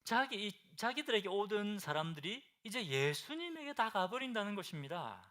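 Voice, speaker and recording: A high, bright-toned man preaches in a church with lively, rising and falling inflection. He keeps asking his congregation questions and swings between loud bursts and soft, hushed lines. The sound is of a pastor mid-sermon. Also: moderate pace. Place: church sanctuary.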